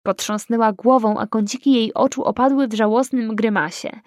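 Woman narrating an audiobook, fairly high. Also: steady tone, moderate pace, a little mellow, no echo, studio quality. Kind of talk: first-person audiobook narration.

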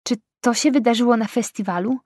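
A woman's voice: on the high side, fairly quick, a little mellow, slightly rough, dry recording, clean studio sound. A woman voicing an alarmed young woman, an insistent and protective best friend, in audiobook dialogue. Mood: calm. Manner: urgent, insistent.

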